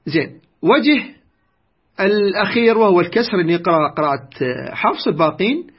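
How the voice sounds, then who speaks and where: Male recitation teacher, patient lesson tone, lightly raspy, slightly muffled audio. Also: high-pitched, animated. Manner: slow, deliberate, repeats key words. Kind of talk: explanatory lesson on recitation variants. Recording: dull lo-fi recording.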